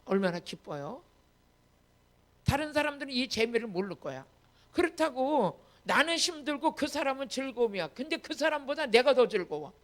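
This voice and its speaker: A woman's voice: high voice, big pitch swings, moderate pace. A woman pastor preaching a sermon emphatically, often calling on the congregation and acting out dialogue. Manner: acts out quoted dialogue in changing voices. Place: church retreat hall, online service.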